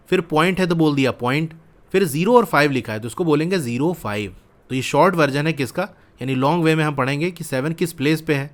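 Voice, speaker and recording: Male maths teacher, pitched a bit high, patient step-by-step explainer who quizzes then answers. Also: a bit bright. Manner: explains step by step, asks questions and answers them himself. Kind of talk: explaining a school maths lesson.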